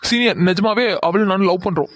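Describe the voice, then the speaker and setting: A man's voice: high-pitched, fast talker, a little hiss or hum, natural voice. A man voicing a young male college bully in a cartoon drama, taunting and coaxing a girl, then whining and begging when he is caught.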